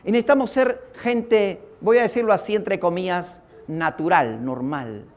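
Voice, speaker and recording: A man's voice: high-pitched, moderate pace. A man preaching a sermon, telling a personal story and addressing his listeners as brother.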